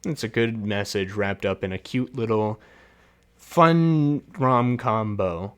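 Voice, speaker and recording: A man's voice: lowish voice, takes it slowly, a bit bright, clean tone. A man hosting a casual solo film review, chatty and laughing often, with many fillers and restarts.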